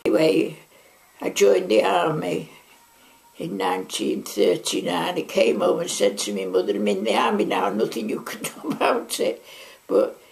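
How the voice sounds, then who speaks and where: Recorded on a lapel mic in her living room, a Mancunian woman in her nineties from Manchester gives an oral history as the interviewee. Her gravelly, darkish voice swings widely in pitch, very animated at a moderate pace, and she wanders chattily through her past with many side remarks.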